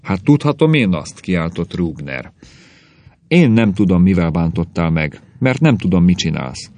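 A man's voice: sits low, animated, vocal fry, darkish tone, no echo. A man reading a scornful, bitter husband. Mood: sneering. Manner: sneering, lecturing, contemptuous. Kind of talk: audiobook reading.

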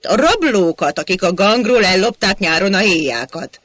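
A man voicing a punning, obtuse male coffee-house regular who misreads everything with a deadpan air. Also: sits high, no room sound. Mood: innocent puzzlement.

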